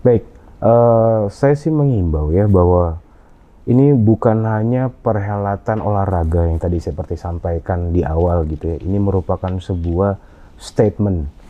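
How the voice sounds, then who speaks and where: A man answering interview questions in a halting way, with frequent fillers and restarts. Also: low-pitched. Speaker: interview guest. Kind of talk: conversational interview. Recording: dull lo-fi audio.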